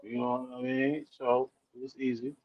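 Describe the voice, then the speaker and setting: A man's voice: mid-range voice, flat delivery, normal speed, background noise. A man in a casual video call chat, speaking in a laid-back drawl with slang. His voice comes through muffled and distant, as if heard through a wall, over a single earbud mic. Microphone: one earbud headset on a video call. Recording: dull, muffled lo-fi call audio.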